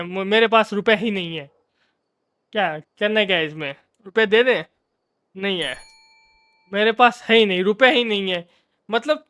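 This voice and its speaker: High bright-voiced man, jokey gamer. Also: clean tone. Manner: jokey, playfully scolding. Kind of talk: casual game commentary.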